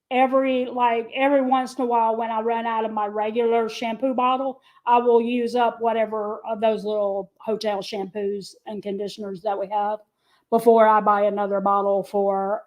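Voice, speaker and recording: A woman's voice: fairly high pitch, rough recording. A woman chatting casually as co-host of a livestream, laughing often and reading comments aloud. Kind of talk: casual chat.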